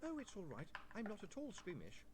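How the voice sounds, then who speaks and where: A man voicing a brisk, commanding young woman who stays unflappable, with loud keyboard typing behind. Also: high-pitched, huge pitch swings, heavy background noise, pitched above the performer's own voice. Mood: curious.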